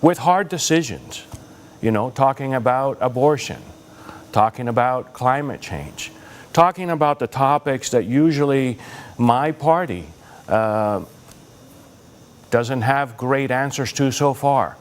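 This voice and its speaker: A man's voice: medium pitch, slow pace. A man from Cuba answering a debate question in an earnest, personal way. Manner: earnest, personal, some hesitation. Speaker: debate candidate.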